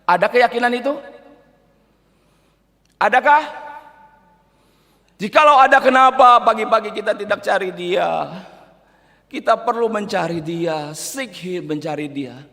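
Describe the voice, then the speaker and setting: A male pastor preaching a sermon, animated, asking the congregation rhetorical questions and dropping English words into his speech. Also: sits high, a little slow, long pauses, big-room sound. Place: church service.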